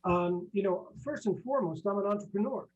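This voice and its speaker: A high-pitched man from Iceland speaks in halting bursts, full of fillers and restarts. His voice comes through a dull, muffled remote line with a faint hum underneath. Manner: halting, repeats words, many fillers. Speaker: guest, business professor. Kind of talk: interview answers.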